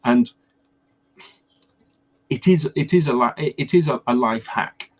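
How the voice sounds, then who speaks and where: A man's voice: a little high, sing-song, a little slow, breathy edge. A man working as a pronunciation coach, explaining things conversationally in a workshop and often restarting and repeating words as he thinks.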